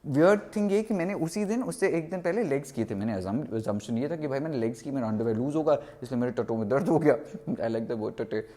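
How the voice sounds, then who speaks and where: A young man talking casually in a vlog, animated, mixing Hindi and English and acting out quotes. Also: medium pitch, a little fast. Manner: animated, mixes Hindi and English, exaggerated quoting. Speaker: vlogger.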